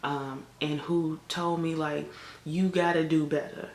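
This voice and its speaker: A chatty young woman from Chicago talks straight to her camera in a loose, candid vlog, her words full of "like" and "um". Her voice has a gravelly, fried edge, and the room around her sounds echoey. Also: low voice, steady tone, unhurried, a little mellow. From Chicago, United States. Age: 20s. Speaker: vlogger and college lecturer. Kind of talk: casual talking-to-camera vlog. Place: room on a family vacation. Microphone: camera in front of her.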